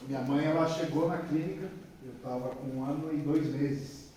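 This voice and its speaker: A Brazilian man from the audience giving a short testimony, in a plain, halting way. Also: fairly high pitch, fairly even intonation, dark tone, slight background noise. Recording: echoey room, far from mic.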